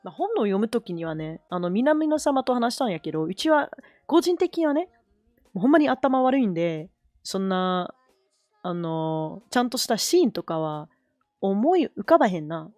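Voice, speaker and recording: A woman with a Kansai Japanese accent chats loosely as a stream host, rambling and restarting her sentences, slipping between Japanese and English. Her voice sits at an ordinary middle pitch, and faint music plays behind her. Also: very animated, normal speed, a little mellow, no echo. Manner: rambling, self-correcting, mixing Japanese and English. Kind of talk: casual chat while drawing.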